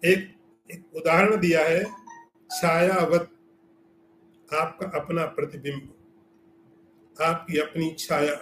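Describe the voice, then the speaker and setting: A man's voice: on the high side, flat delivery, slow pace, pauses often, a bit bright, echoey room, faint music behind. A man giving a scriptural lecture as a spiritual teacher, explaining with everyday examples and asking rhetorical questions.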